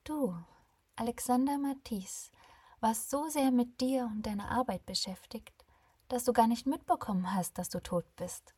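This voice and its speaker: A woman playing a calm ferrywoman of souls, warm, friendly, mildly sarcastic, breathy, dry close sound. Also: on the high side, dry recording. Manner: warm, friendly, softly teasing.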